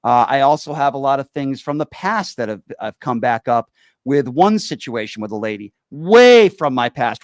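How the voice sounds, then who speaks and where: A man's voice: mid-range voice, no echo, clean studio sound. A man in his forties from Connecticut, hosting a casual chat show and rambling with fillers and repeated yeps. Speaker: show host.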